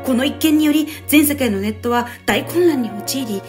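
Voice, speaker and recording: Woman acting as high-voiced gossip newsreader, melodramatic vlog parody. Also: normal speed, over music, lightly acted. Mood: mock-serious. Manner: overblown, mock-serious storytelling. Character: mock-dramatic female gossip news narrator.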